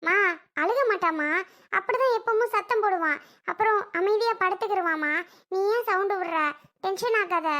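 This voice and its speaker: A young performer voicing a meek young wife who softly tries to calm her mother in a family skit. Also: extremely high pitch, normal speed. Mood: placating. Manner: soft, placating, calming tone. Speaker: Soni, the daughter-in-law.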